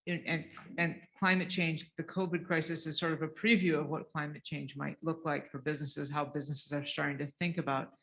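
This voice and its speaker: A man speaking as a panelist, explaining his points conversationally and softening them as he goes. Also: on the high side, level tone, a little fast, vocal fry, hardly any pauses. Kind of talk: panel discussion.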